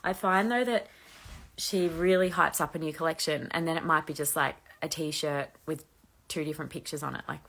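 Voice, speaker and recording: A woman's voice: low voice, normal speed, vocal fry, a bit bright. A woman in her thirties from Australia, hosting a casual live chat and answering viewer questions, chatty and full of "like" fillers. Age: 30s. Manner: chatty, frequent "like" fillers, laughs lightly.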